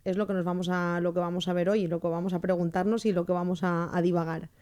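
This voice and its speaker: Chatty woman with a mellow voice. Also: fairly low pitch, little pitch movement, quick pace, clean tone. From born in Canada, raised in Spain. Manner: chatty, leads the talk with questions. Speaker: podcast co-host. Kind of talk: casual podcast chat. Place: farmhouse among orange trees.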